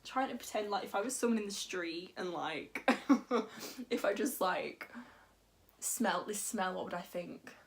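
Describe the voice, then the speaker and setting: A teenage girl, chatting excitedly and giggling as she unboxes beauty samples for her vlog. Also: mid-range voice, unhurried. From England, North Yorkshire. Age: teens. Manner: bubbly, gushing, giggly. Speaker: beauty vlogger. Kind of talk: casual unboxing chat.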